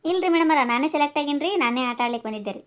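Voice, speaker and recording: A woman's voice: high voice, expressive. A woman voicing a fiery village woman with a North Karnataka accent. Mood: indignant. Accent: North Karnataka Kannada. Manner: scolding, rapid and combative. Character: brash rural village woman, middle-aged, quick-tempered. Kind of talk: cartoon voice acting.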